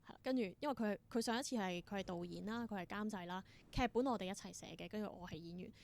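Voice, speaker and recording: In a casual interview chat, an independent theatre performer with a Hong Kong Cantonese accent tells stories eagerly, mixing in English. She talks fast in a medium-pitched voice that is creaky and darkish.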